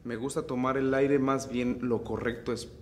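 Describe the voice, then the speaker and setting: A man with a Mexican accent, a mariachi singer teaching vocal technique in an unhurried, relaxed way. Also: medium pitch, slight background noise. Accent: Mexican Spanish. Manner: unhurried, explains phrasing, breaks into singing. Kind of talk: relaxed vocal tutorial with sung demonstrations.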